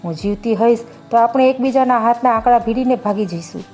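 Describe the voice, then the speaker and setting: A woman's voice: on the high side, fast talker, darkish tone, soft background music, natural voice. A woman voicing a heartbroken young village bride who pleads desperately.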